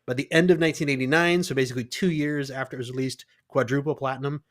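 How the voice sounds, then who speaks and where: Co-host, male, mid pitch, playful and teasing, reels off facts casually. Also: fairly even intonation, fast talker. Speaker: podcast co-host. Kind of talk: casual podcast chat.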